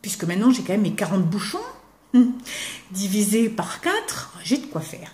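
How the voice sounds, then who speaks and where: A woman's voice: mid-range voice, lively intonation, moderate pace. Chatty older Frenchwoman showing her craft gifts. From eastern France. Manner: chatty, warm, drops to a whisper when admiring things. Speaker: craft vlogger. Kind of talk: casual chat showing gifts to camera.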